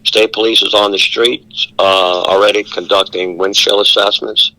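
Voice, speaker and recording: A man giving a steady live briefing as an emergency official, with many fillers, heard over a speakerphone held up to a studio microphone. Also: on the low side, normal speed, no echo, low-quality recording. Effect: speakerphone held up to the studio mic. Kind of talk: live radio phone briefing.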